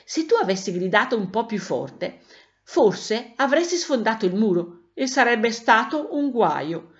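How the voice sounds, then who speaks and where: A thin little voice belongs to a lame chalk-drawn cat, put on by a woman storyteller, chatty and wise, with a slight cough. Its pitch rises and falls in lively swings. The recording sounds muffled and lo-fi. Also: close to an everyday voice. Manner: friendly, explaining. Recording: dull lo-fi recording.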